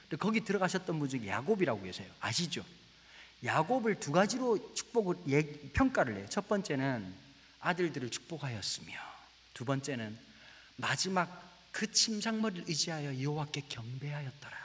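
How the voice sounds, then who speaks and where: A middle-aged man preaching a lively comic sermon as a guest pastor in a large church, storytelling with playful dialect bits. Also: fairly high pitch, long reverb tail, slight background noise. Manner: animated storytelling, slips into rustic dialect voices for laughs; says he talks very fast.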